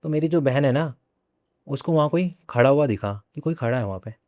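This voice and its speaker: A man's voice: medium pitch, expressive, darkish tone, no echo, clean studio sound. A young man, a podcast guest, telling a personal ghost story in a casual way and often repeating his phrases. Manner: repeats phrases, conversational and unhurried.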